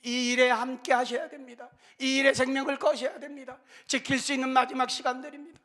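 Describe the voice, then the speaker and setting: A man in his fifties delivers an urgent, impassioned church talk. His voice sits high and sounds forceful and tense. He pleads with fervor. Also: little pitch movement, a little fast. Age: 50s. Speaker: film director giving a church talk. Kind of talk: impassioned exhortation.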